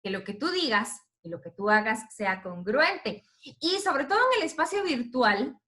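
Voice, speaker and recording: A woman in her thirties speaks to a group of teachers with the lively, expressive manner of a radio announcer. Her voice sits a little high and rings bright. She tells her story with animated, changing emphasis. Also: measured pace. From Guatemala. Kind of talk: talk to teachers.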